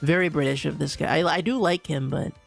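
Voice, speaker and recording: A young man from Bermuda streaming, ranting in an animated, casual way with lots of laughter. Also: fairly high pitch, brisk, creaky, faint music behind. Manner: animated ranting, laughs often, says "dude" a lot. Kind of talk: casual livestream chat.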